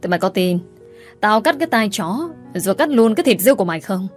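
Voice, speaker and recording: A woman voicing a fierce man who shouts threats and curses. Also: mid-range voice, very animated, fast, soft background music. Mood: furious. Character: furious tough man, fierce protector.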